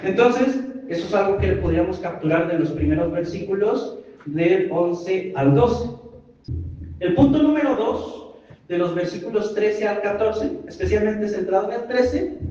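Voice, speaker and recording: A man's voice: high voice, darkish tone. A man with a Mexican accent preaching a sermon, explaining a passage step by step and asking the congregation questions. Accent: Mexican Spanish. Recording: distant, echoey hall, dull sound.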